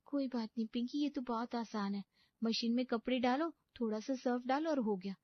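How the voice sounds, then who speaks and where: Lady voicing a scared young bahu, squeaky high and nervous, dull dry sound. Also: a little fast, no room sound, close to an everyday voice. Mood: self-encouraging. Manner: nervous, pleading, high and tearful. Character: timid young bride, clumsy and anxious.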